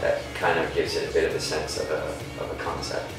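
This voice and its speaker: A very deep-voiced man rambles loosely through his answers, circling back with restarts and fillers. He sits far from the mic in a very echoey space with music playing behind. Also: little pitch movement, fast. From Denmark. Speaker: singer. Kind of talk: casual interview.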